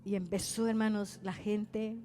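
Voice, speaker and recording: A woman's voice: mid-range voice, flat delivery, measured pace, dark tone, soft background music. A woman evangelist preaching a testimony sermon, acting out dialogue and calling her listeners brothers. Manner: storytelling, addresses listeners as brothers, acts out dialogue.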